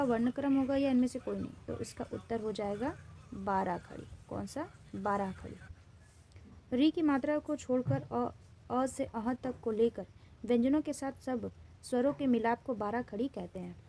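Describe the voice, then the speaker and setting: An Indian-accented woman teaches Hindi grammar in a classroom lesson, posing quiz questions and then answering them herself while repeating key terms. Her voice is high and mellow, and she speaks at normal speed. Faint hiss sits in the background.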